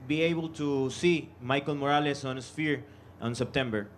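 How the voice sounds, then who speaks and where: Brief: male reporter from Ecuador, mid pitch, halting phrasing, faint room ambience. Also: a little hiss or hum. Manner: halting, searching for words. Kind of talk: press conference question.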